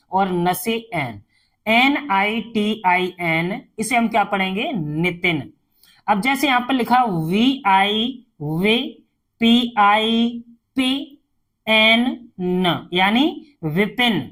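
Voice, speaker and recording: A woman's voice: medium pitch, fairly bright tone. A woman tutoring a beginner spelling lesson, reading each word, spelling it letter by letter, then repeating it. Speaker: English tutor.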